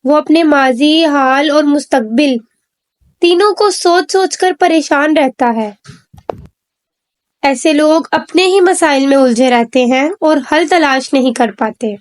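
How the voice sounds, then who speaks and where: A woman hosting a channel, giving a scripted explanation in a measured, earnest way and building her points in repeated lists. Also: high-pitched. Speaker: channel host explaining psychology.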